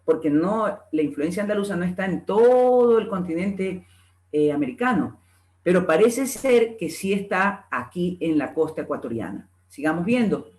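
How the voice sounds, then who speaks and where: A man's voice: high voice, animated, moderate pace, darkish tone. A man lectures to a reading club. He explains step by step and repeats example words aloud to demonstrate each sound. His voice echoes around the room. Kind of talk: conference lecture.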